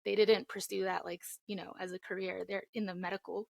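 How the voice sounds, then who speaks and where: A woman's voice: medium pitch, little pitch movement, a little fast, vocal fry, a little mellow, no echo, studio quality. A young woman from the Philippines, raised in Florida, answering interview questions earnestly with frequent ums. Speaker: indie singer-songwriter guest.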